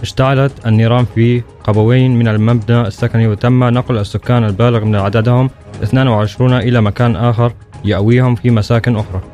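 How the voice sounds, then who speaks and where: A man reading a news item in a brisk, even delivery. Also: medium pitch, highs cut off, faint music behind.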